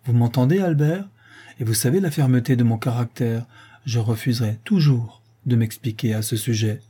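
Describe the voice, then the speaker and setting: A steadfast young bride-to-be from a storybook reading, gentle yet unbending in her vows, as a man reads her lines. The voice is mellow and a little husky, unhurried and solemn. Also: medium pitch, lightly acted. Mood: firm, solemn. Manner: soft yet resolute, solemn. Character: young woman, gentle but firm fiancée.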